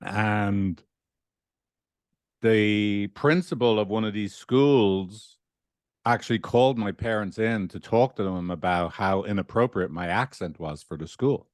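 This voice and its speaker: A man's voice: lowish voice, a little slow, no echo, clean studio sound. A middle-aged man with a Dublin Irish accent, telling personal stories in a rambling, conversational interview manner, often checking in with "right?". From Dublin, Ireland. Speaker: podcast guest, relationship therapist. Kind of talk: casual interview, personal storytelling.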